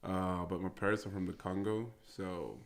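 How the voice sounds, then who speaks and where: A young man from Austria with a very deep, gravelly voice talks as a guest in a casual interview. His pitch stays flat and even, and he speaks haltingly, pausing on fillers and starting over. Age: 20s. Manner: halting, with many fillers and restarts. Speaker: guest, American football player.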